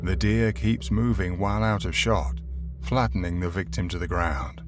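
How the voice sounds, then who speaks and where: A man's voice: sits low, normal speed. A man reading scripted narration for a compilation of video clips. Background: background music.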